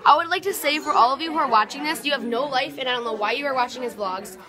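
A woman's voice: high-pitched, fast, a crowd in the background. A teenage girl in a theater cast, mockingly teasing the vlogger's audience backstage. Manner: teasing, mock-insulting. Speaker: cast member. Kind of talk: joking banter.

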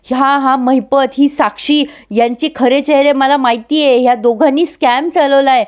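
A woman's voice: fairly high pitch, moderate pace, darkish tone, natural voice. A woman voicing an angry young man who pleads with his father. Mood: pleading. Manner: heated, pleading.

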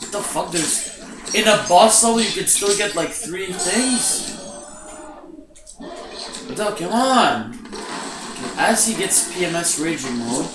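Excitable young man yelling at a game. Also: high-pitched, a little slow, pauses often, background noise. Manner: excitable, swearing, teasing, yelling at partner. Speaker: gamer playing co-op. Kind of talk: casual let's play banter. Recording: echoey room, distant mic, loud game music.

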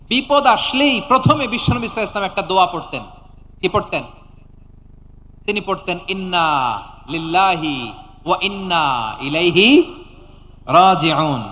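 A man's voice: high-pitched, pushed and bright. A man preacher giving a sermon to a crowd, firing rhetorical questions at them and chanting Arabic prayers in between. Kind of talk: sermon with call-and-response. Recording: reverberant hall, faint background ambience.

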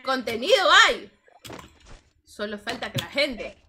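High-pitched, animated Peruvian woman streamer. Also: slow, a little hiss or hum. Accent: Peruvian Spanish. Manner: animated, slangy, lots of "hermano". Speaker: gaming streamer. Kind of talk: casual storytelling to stream chat.

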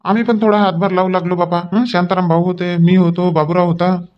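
A man, acting in a rustic comedy sketch and shouting quick repeated orders. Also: high-pitched, flat delivery. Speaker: comic actor in a village sketch. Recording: dull lo-fi recording.

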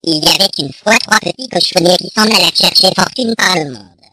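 A narrator reading a fairy tale aloud in a measured, even storytelling manner. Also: mid-range voice, background noise.

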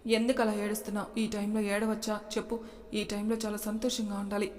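A woman's voice: mid-range voice, flat delivery, brisk, darkish tone, long reverb tail, close to an everyday voice. A woman narrator voicing an angry, protective young husband who scolds and insists. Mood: pleading.

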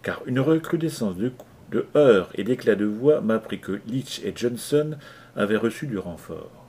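A man narrating an adventure novel aloud in a measured, dramatic reading. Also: lowish voice, expressive, darkish tone, husky. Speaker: audiobook reader. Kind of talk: scripted narration.

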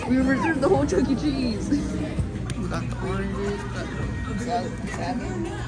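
A woman's voice: fairly high pitch, sing-song, moderate pace. A young adult woman chatting casually as a vlogger, with slangy, sweary banter. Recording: loud music and crowd noise behind. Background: loud music and busy crowd chatter.

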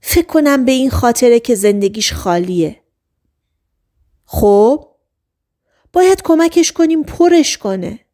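A woman voicing an anxious woman in a storybook reading, speaking in a hushed, pressing way. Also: sits high, expressive, pauses often. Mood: urgent.

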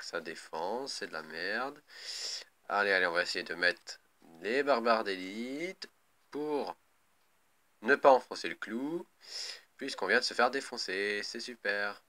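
A man's voice: on the low side, bright, forceful tone. A man commentating live on a mobile game as a raging gamer, irritable and prone to swearing. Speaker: gaming video host.

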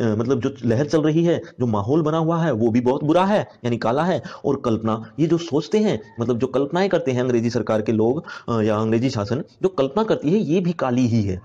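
A man's voice: mid-range voice, mellow, dull audio. A man teaching a class poem, reading each verse aloud and then explaining it in simple words, with many fillers. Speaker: Hindi teacher.

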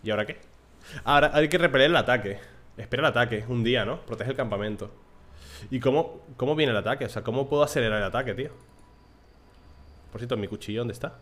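A man's voice: mid-range voice, fast talker, pauses often. Young guy streaming a game, casual, cusses a lot, talks into a desk mic. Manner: casual, swears, shouts excitedly at the game. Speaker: gaming streamer. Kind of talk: live gameplay commentary.

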